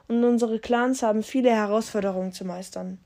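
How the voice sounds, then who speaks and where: An old tomcat clan leader, earnest and peace-seeking, addressing the gathered cats, as a woman reading a storybook puts him on. He speaks with a pleading warmth. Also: a little high, fairly even intonation, a little fast, natural voice.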